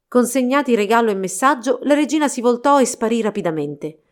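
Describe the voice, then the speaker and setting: A woman narrating a fairy tale storybook in a steady, expressive reading. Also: fairly high pitch, brisk.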